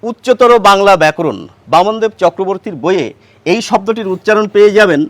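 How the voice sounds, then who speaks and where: Posing questions and then patiently answering them himself, a man gives an explanatory grammar lesson on pronunciation. His high, fairly bright voice is brisk, with no echo.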